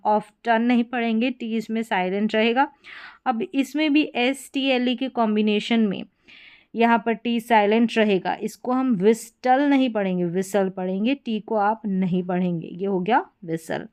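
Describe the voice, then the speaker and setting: A woman's voice: fairly high pitch, smooth. A woman teaching English spelling to beginners, patiently repeating each word and asking learners what to read.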